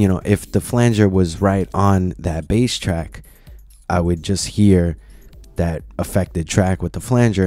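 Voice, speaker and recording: A man casually explaining software steps one at a time in a screen-recorded tutorial, with lots of "you know"s. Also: sits low, no echo. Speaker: tutorial presenter.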